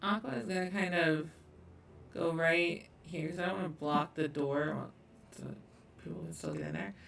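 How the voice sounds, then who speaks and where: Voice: mid-range voice, expressive, normal speed, creaky, fairly bright tone, recorded from a distance, slight background noise. A tabletop game player talking through their turn hesitantly, thinking aloud. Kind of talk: casual tabletop game talk. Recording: echoey room, off the mic.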